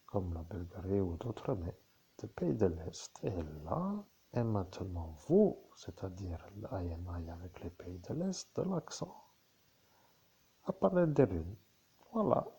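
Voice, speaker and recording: A man gives a channeled spiritual talk in a dark, husky voice, his pitch rising and falling widely. He speaks slowly in halting, repetitive phrases, and the recording sounds dull and lo-fi. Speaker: medium.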